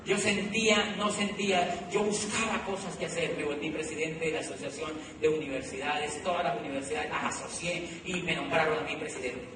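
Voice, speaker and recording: A middle-aged Colombian man tells his story to an audience in an animated motivational talk, repeating phrases for effect. His voice sits high for a man. It is heard from far off in a large hall with a long, booming echo. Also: a little fast, few pauses, background noise. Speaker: motivational speaker. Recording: echoey hall recorded from far off.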